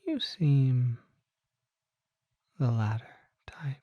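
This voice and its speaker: Here the same courteous, curious vampire apothecary speaks in a soft, frequently whispered ASMR roleplay, genteel and leisurely, as if thinking aloud. The mid-range pitch swings widely while the pace stays extremely slow. The audio is dry and dull, and the voice is exaggerated.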